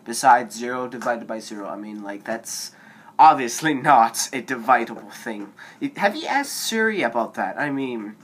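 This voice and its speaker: A man's voice: mid-range voice, expressive, normal speed, a bit bright, breathy edge. A teenage boy vlogging casual advice to a phone camera, rambling and digressive with lots of fillers, his voice cracking now and then.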